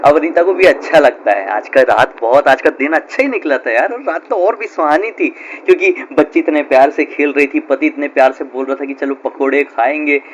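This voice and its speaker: A man's voice: on the high side, fairly quick, hardly any pauses, a little hiss or hum. A man telling a horror story in a casual, chatty way, full of fillers. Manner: chatty, conversational, with frequent fillers.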